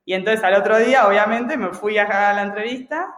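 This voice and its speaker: A man from Spain, a guest in an interview, telling a story in an animated way with many restarts and fillers. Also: sits high, brisk, roomy sound, long reverb tail.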